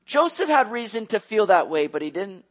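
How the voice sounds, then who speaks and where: A man delivers a sermon with a fairly high-pitched voice. He retells the story in an animated, conversational way, often turning to ask his listeners questions. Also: moderate pace. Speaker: preacher.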